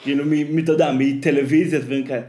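Chatty man telling stories in a roomy room. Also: on the high side. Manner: animated storyteller, many fillers. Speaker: podcast host. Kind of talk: casual chat. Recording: roomy echo.

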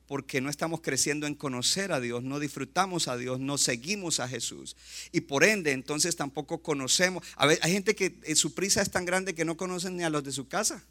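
A male pastor preaching a lively sermon, often acting out short asides and quotes. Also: on the high side. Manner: animated preaching, acts out quick asides.

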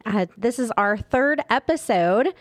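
A woman's voice: fairly high pitch, lively intonation, a little slow, dry recording. A woman co-hosting a podcast in a casual, conversational style. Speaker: podcast co-host. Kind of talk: casual chat.

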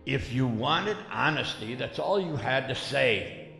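A man doing a gravelly lovestruck wannabe goth. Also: mid-range voice, lively intonation, unhurried, bright, forceful tone, exaggerated voice. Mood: earnest. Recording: echoey hall, faint music.

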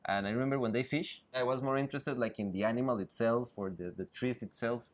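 Here the same kind of guest, a Costa Rican biologist with a Spanish accent, talks fast in a mid-range voice during an interview outdoors by a river. He laughs readily and frequently begins his sentences again, with faint ambient sound in the background.

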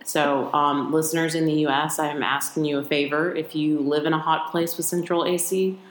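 A woman's voice: low-pitched, steady tone, fairly quick, roomy sound, a little hiss or hum. A woman from the United States, co-hosting a podcast in casual, joking chat. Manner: joking, chatty. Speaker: podcast co-host.

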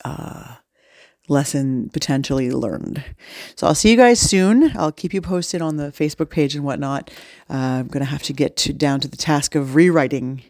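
A woman's voice: low-pitched, darkish tone, no echo, studio quality. A woman podcast host, recording a casual update on her phone, sounding dejected and rambling with many fillers.

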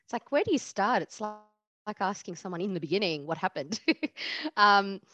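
A woman's voice: medium pitch, animated, a little fast, bright, forceful tone, dull audio. A woman in her thirties, an immigration lawyer telling her story in a podcast interview, reflective and laughing easily with many fillers. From Australia.

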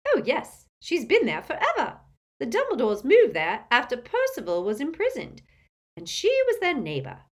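A woman's voice: high-pitched, wildly swooping pitch, normal speed, pitched above the performer's own voice, full character voice. A woman voicing a tactless, gossiping old great-aunt who is a little tipsy, with a blunt, testy manner. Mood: gossipy.

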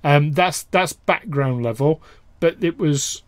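A man's voice: a little high, takes it slowly, crowd noise. A man in casual podcast chat who hesitates a lot, full of ums and restarts.

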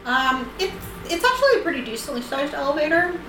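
A woman with a fairly high voice runs a tabletop game in a hesitant, conversational way. She sounds set back from the mic in a roomy space, with clear music behind her. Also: big pitch swings, fast, sharp tone, far from the mic. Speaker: game master. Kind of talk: casual tabletop game narration.

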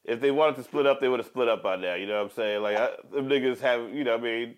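A man's voice: medium pitch, quick pace, clean tone. A man in casual podcast chat, talking in slangy, profane, joking banter. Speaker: podcast host. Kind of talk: casual chat about pro wrestling.

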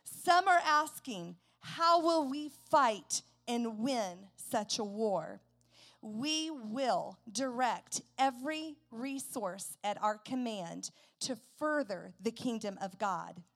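A woman preacher delivering a sermon to a church congregation, declaiming slow emphatic lines that build to loud shouts. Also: fairly high pitch, lively intonation. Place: church service.

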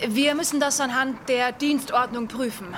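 A woman voicing an eager, flippant female police officer in a radio play, with quick offhand replies. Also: high voice, noisy background, close to an everyday voice.

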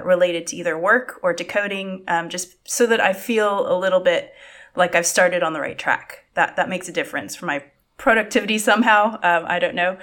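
A woman co-hosting a casual podcast, speaking in a relaxed way with many fillers. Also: fairly low pitch. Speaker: podcast co-host.

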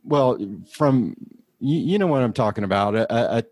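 A man's voice: mid-range voice, expressive, normal speed, a little mellow, dry recording. A man hosting a casual podcast, rambling a little and restarting his sentences. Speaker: podcast host.

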